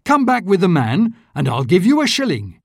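A giddy old miser bursting with joy, as a storyteller puts him on. The voice is lifted high above the reader's own, and it leaps about with excitement in a dry, close recording. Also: moderate pace, slightly rough, no echo, exaggerated voice. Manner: excited, exclaiming.

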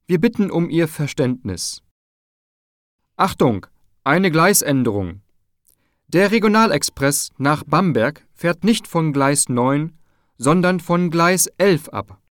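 A man reading train station announcements in a formal, measured announcer delivery. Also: fairly high pitch, no echo, studio quality.

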